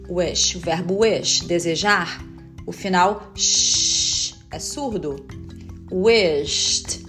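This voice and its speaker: A woman, a native Portuguese speaker, patiently explaining English pronunciation step by step in a video lesson, drawing out each sound slowly. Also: mid-range voice. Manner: demonstrates sounds slowly and carefully. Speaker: English teacher.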